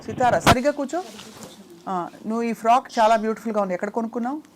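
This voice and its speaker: A woman's voice: fairly high pitch, fast, heavy background noise. A young woman hosting an interview, coaxing and teasing a small child with short questions in a Telugu accent. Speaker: interview host.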